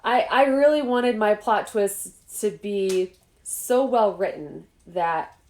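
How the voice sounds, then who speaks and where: A woman's voice: medium pitch, takes it slowly. Bubbly woman chatting in an echoey room. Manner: bubbly, laughs often, animated asides. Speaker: author hosting an interview. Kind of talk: casual chat. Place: home room.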